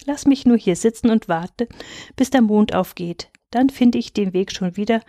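Clever young shepherd boy, read by a woman, calm, steady, fairy-tale reading, dry sound. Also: mid-range voice, moderate pace, no echo, lightly acted. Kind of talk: storybook reading.

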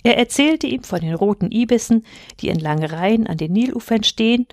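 A woman reading a fairy tale aloud in a calm, measured way. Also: fairly high pitch, no echo, clean studio sound. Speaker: storyteller. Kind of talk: storybook reading.

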